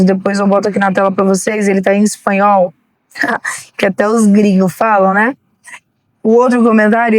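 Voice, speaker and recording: A woman's voice: mid-range voice, darkish tone, no echo. A woman in her late thirties, hosting a podcast and talking candidly in a conversational monologue with frequent restarts. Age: late 30s. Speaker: podcast host. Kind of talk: personal monologue.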